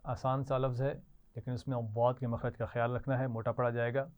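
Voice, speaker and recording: A woman teaching Quran recitation to children, modelling each word slowly for the class to repeat. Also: very deep voice, flat delivery, a little mellow. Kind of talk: slow call-and-response recitation lesson. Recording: tinny lo-fi online class audio.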